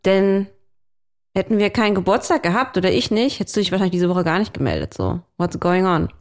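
A woman in her thirties tells dating stories in a relaxed, chatty way. She is animated, laughs often and drops in English phrases as she goes. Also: mid-range voice, fairly quick. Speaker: podcast co-host telling dating stories. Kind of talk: casual chat.

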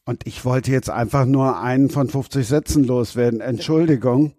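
Male interview host, enthusiastic, warm mellow voice, mid pitch. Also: moderate pace, dry recording, studio quality. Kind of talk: interview talk.

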